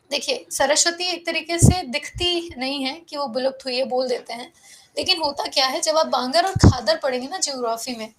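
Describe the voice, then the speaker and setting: A woman teaching an online geography class, feeling unwell and low on energy, who explains step by step, asks her own questions and then answers them, and keeps checking in with her students. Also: rough recording. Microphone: close microphone.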